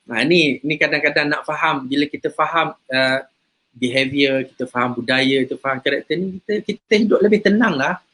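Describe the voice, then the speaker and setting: A man's voice: fairly high pitch, brisk, bright, forceful tone. A man, a religious teacher, talking casually about faith and character, telling stories and repeating words as he goes. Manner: chatty storyteller, repeats words.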